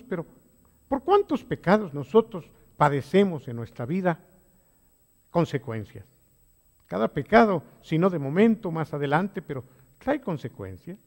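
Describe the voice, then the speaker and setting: A man preaches through a Bible study in a fairly high, very lively voice. He drops to quiet low phrases, then rises to loud, urgent exhortations. A long hall reverb trails his words. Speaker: pastor leading a Bible study. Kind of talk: sermon-style Bible study.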